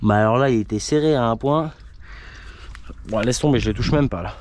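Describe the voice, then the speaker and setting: A man's voice: mid-range voice, fairly quick. A man casually commenting in slangy, chatty talk to his viewers while he repairs a car in a workshop. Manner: slangy, chatty, talks to viewers mid-task. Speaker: amateur mechanic vlogger. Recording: noisy workshop with tool clicks.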